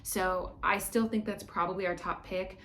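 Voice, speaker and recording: A woman co-hosts a travel vlog, chatting casually with lots of fillers and restarts. Her mid-range voice has fairly even intonation, a moderate pace and a fairly bright tone, with slight background noise.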